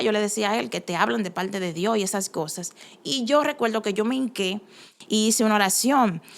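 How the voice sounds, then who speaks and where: A woman with a lilt recounts her own story of faith. Her voice sits at a middle pitch, and she speaks earnestly and with emphasis, circling back and restarting her phrases as she goes. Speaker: testimony giver. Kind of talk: personal faith testimony.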